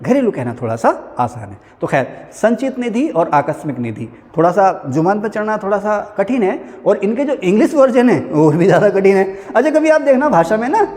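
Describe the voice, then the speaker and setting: A chatty male teacher lecturing a class, his voice pitched high and swinging widely up and down. He keeps checking in with his students through little asides, and a long reverb trails off his words. He sounds like he is in a lecture room. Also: sing-song, normal speed, few pauses, darkish tone. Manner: chatty, addresses students as beta, frequent "hai na" asides. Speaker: civil services teacher.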